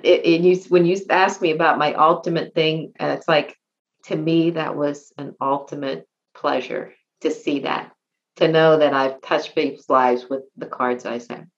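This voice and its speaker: A woman who is a podcast guest, telling a personal story in a halting, emotional way with many restarts. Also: sits low, fairly even intonation, muffled recording.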